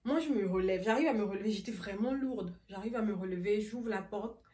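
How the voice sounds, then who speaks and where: Une jeune femme qui raconte une anecdote sur un ton familier et animé, en riant souvent. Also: female voice, mid-range voice, brisk. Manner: animated, laughing often while telling. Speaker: vlogger. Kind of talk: casual storytime. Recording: roomy echo, voice a bit far from mic.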